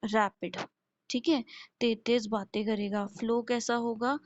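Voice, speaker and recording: Slow, flat-voiced woman lecturing. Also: fairly high pitch. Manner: explains step by step, poses questions and answers them, often checks in with listeners. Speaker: nursing lecturer. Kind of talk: classroom lecture. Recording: dull lo-fi recording.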